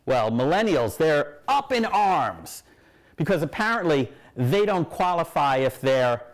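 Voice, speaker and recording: A man's voice: fairly high pitch, big pitch swings, unhurried. A man delivering a late-night comedy monologue as host, with punchline timing. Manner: punchline delivery, jumps into silly voices.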